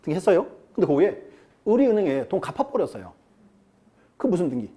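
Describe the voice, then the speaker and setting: A real estate law lecturer with a high, warm voice talks fairly quickly and with lots of animation. He teaches his class in a chatty style, quizzing the students and acting out quotes.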